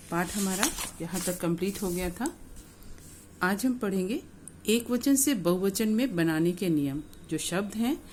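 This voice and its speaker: Slow, patient woman teaching grammar. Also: medium pitch, a little mellow, slight background noise. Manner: patient, repeats word pairs slowly; mixes English words into speech. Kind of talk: grammar lesson for school students.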